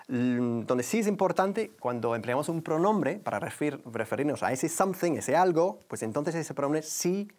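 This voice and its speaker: A man teaching English on TV, explaining phrases and drilling pronunciation by repeating words slowly. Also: mid-range voice. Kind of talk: TV language lesson.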